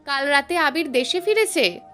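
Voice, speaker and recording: A woman's voice: high voice, animated, moderate pace, sharp tone, soft background music, voice pushed up. A woman voicing a teasing, coaxing middle-aged mother.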